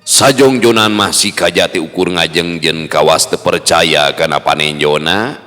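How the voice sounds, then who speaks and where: Male storyteller, very low pitch, unhurried, bright tone, long reverb, faint music. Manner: slow, rhythmic storytelling delivery. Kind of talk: folk tale narration.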